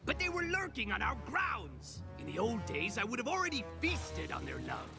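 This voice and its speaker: Brief: a gravelly, scornful changeling soldier for a cartoon, voice swinging wide, music under it. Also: male voice, very high-pitched, huge pitch swings, normal speed, exaggerated voice. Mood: menacing. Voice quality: gravelly, growling. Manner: menacing, scornful. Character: gruff grumpy male changeling warrior. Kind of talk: cartoon voice acting.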